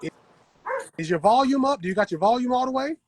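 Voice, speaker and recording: Very high and expressive, this man's voice moves at a quick pace over background noise. He chats with viewers while working the soil on an outdoor patio as host of a casual gardening livestream.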